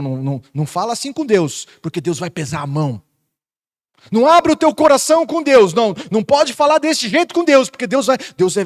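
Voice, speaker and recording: A high-pitched man with a Brazilian Portuguese accent preaches a sermon as a pastor. He swings between loud, emphatic peaks and quiet, intimate asides.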